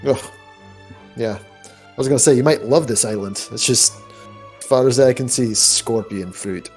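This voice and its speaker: Male player, mid-pitched, casual jokey in-character chatter. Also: moderate pace, darkish tone, soft background music. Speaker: tabletop player.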